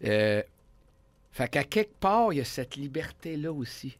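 A man's voice: medium pitch, measured pace, no room sound. A man in his fifties with a Québécois French accent, a show host talking casually and with emphasis in a radio studio. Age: 50s. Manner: animated, emphatic, jokey. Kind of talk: casual talk show chat.

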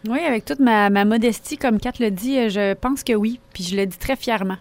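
A woman's voice: a little high, fairly quick, a little mellow, no room sound. A woman, a guest chatting candidly and laughing easily. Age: 30s. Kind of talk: casual chat.

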